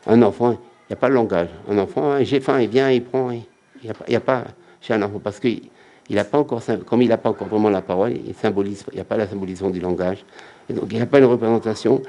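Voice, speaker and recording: A man's voice: on the low side, quick pace, warm tone, lo-fi sound. A man giving a religious lecture as a rabbi, emphatic and repetitive, often acting out quotes.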